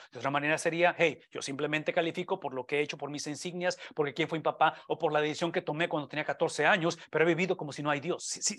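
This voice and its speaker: A middle-aged man preaching a sermon as pastor, emphatic, repeating phrases for stress and swinging between loud and hushed. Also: high-pitched.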